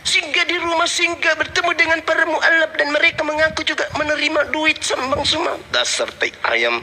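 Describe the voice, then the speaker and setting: A man's voice: very high voice, animated, brisk, pushed and bright, a little hiss or hum. A man, hosting a debate channel and scolding someone in an angry, threatening rant.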